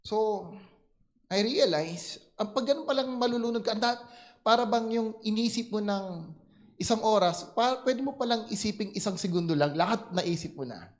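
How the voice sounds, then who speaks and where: A male pastor with a Filipino accent, preaching and telling a personal story with animated delivery and English phrases mixed in. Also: high-pitched, normal speed.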